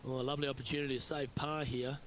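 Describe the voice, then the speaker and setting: A man playing a measured lead golf commentator, calling shots in a televised style for a video game. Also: medium pitch, flat delivery, a bit bright, lightly acted. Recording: clear outdoor ambient noise.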